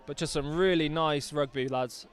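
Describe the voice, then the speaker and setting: A man's voice: fairly high pitch, steady tone, normal speed, clear, resonant tone, a faint crowd. A man doing live rugby commentary outdoors, chatty and enthusiastic with jokey asides.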